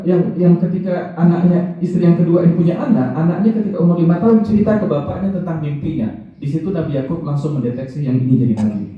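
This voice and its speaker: A middle-aged man giving a conversational religious study talk, speaking straight to his audience and telling stories. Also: fairly high pitch. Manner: conversational, anecdotal, addresses audience directly. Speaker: Islamic preacher. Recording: distant, echoey, phone-like.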